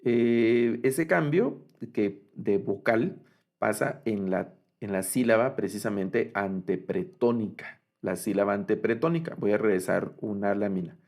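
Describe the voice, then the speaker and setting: A man gives a recorded lecture on Hebrew grammar. His voice sits on the low side with a gravelly edge. He explains patiently, pausing on fillers and repeating each word slowly. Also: darkish tone. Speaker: Biblical Hebrew teacher.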